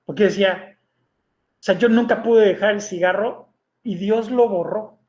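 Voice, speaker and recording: A man's voice: sits high, normal speed, darkish tone. A man preaching a sermon in a conversational way, telling a personal testimony and checking in with his listeners with short tag questions. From Mexico. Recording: echoey room, dull lo-fi sound.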